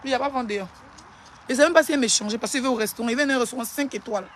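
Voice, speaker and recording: An Ivorian social media personality ranting and hurling insults in a live-stream clash, in a taunting, rapid-fire manner. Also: medium pitch, a bit bright, slight background noise.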